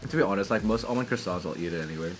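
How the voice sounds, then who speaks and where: A man's voice: low-pitched, racing. A man with a New Zealand accent chatting playfully in a casual food vlog at home. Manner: playful, enthusiastic, stumbling restarts. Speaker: food vlogger. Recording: light music behind.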